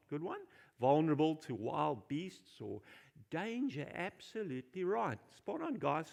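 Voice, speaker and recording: A man's voice: mid-range voice, gravelly, darkish tone. A male pastor preaching a sermon in a church, informal and jokey, questioning the congregation and repeating key phrases for emphasis.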